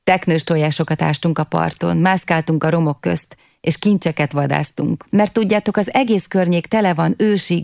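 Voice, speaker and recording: A woman's voice: low-pitched, vocal fry, darkish tone, dry recording, clean studio sound. A woman reading an audiobook, voicing a young man who wistfully tells the listeners about his past. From half Turkish, half Kurdish (figure). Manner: wistful storytelling, addressing listeners.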